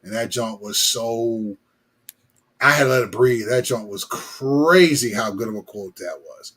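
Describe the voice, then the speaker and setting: Man, livestream host, casual chat, slangy, rambling, repetitive phrasing, medium pitch. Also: unhurried, fairly bright tone, breathy edge. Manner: slangy, rambling, repeats himself. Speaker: host of a live hookah smoking session.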